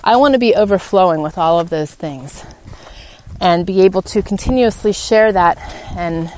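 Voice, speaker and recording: Hosting her own solo podcast, a woman speaks at normal speed in a lowish, slightly mellow voice. Her tone is casual and sincere as she cheers on her listeners, over a clearly noisy background with clicks.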